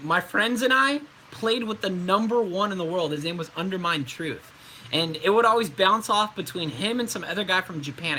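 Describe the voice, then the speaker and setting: Answering viewers in a casual livestream Q&A, this male voice actor sounds very bright and sharp-edged, sitting a bit high for a man. His replies wander, full of ums and likes. Slight background noise comes through on a rough recording.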